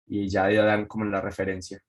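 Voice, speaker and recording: A man's voice: lowish voice, completely flat delivery, a little fast. A young man with a Colombian Spanish accent, a student answering the teacher hesitantly in class. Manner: hesitant, tentative.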